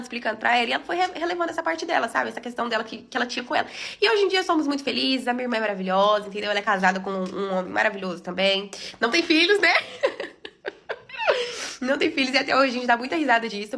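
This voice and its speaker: Fast-talking woman telling a story. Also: a little high, creaky. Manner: chatty, animated, laughing asides. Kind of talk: casual storytelling to viewers.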